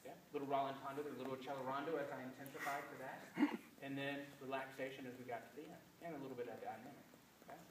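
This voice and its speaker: A man's voice: medium pitch, fairly even intonation, rapid-fire. A man teaching a music master class, explaining and quizzing his students with energy. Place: concert hall or classroom. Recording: echoey room from a distant mic with noise.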